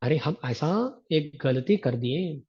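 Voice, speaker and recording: A man, a religious teacher, giving a devotional discourse that explains verses with homely everyday examples and gentle humor, reciting scripture slowly. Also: a little high, lively intonation, breathy edge. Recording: dull lo-fi recording.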